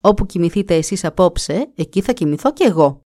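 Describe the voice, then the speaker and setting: A woman's voice: lowish voice, animated, dark tone, no echo, clean studio sound, natural voice. Falakras, a woman voicing a stubborn young hero. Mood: insistent. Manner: insistent, curt commands. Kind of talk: storybook reading.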